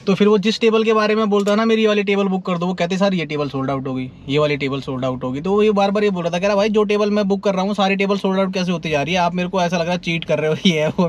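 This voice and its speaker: Recorded in and around a car on city streets, this young Indian nightlife vlogger, with a Delhi Hindi accent, chats casually while telling a story, laughing and repeatedly addressing the viewer as "bhai." His voice is a little high with fairly even intonation, and he speaks in a rapid-fire way with hardly any pauses.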